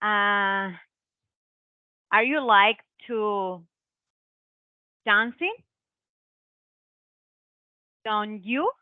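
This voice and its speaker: A woman works through English questions very slowly, stopping often with fillers. Her voice comes over a thin, tinny line that sounds like a phone call, dry and close. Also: medium pitch, smooth, no room sound. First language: Spanish. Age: 30s. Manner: very slow, halting, with many fillers. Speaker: language student. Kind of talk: English speaking practice in class. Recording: tinny online call audio.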